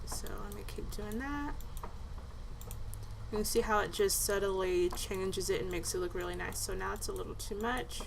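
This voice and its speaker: A woman's voice: mid-range voice, normal speed, creaky. Casual woman vlogger, faint noise. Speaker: vlogger and candle maker. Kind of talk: casual vlog chat and tutorial. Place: indoors at home. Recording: faintly noisy home recording.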